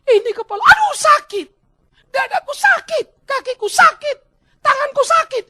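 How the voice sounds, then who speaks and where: A man voicing a stubborn know-it-all male patient who shouts and whines about his pains. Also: sing-song, normal speed, full character voice. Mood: whining, indignant. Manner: shrill, shouting complaints.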